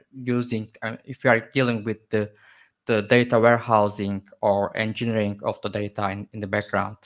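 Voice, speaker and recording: A man hosting a meetup and introducing the next speaker, talking haltingly and repeating words. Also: medium pitch. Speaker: event host. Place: meetup room before a live audience.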